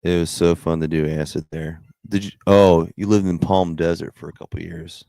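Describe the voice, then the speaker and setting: A man with an extremely low voice and a gravelly fry, talking on a livestream. He rambles casually in loose slang and swears freely, and the sound is dry and close. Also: steady tone, normal speed, mellow, no echo. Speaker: livestream host chatting with viewers.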